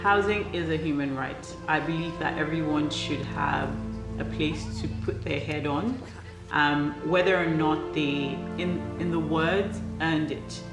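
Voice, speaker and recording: A young woman speaks in an earnest, measured way, often pausing on ums. Her voice sits low, and the recording is roomy with loud background music running underneath. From Nigeria. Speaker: interviewee. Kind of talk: documentary interview.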